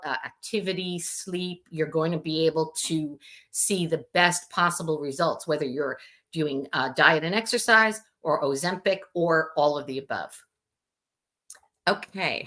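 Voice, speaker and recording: A woman's voice: fairly low pitch, sharp tone. A middle-aged woman answering viewer questions in a live Q&A, explaining things step by step with frequent ums and uhs.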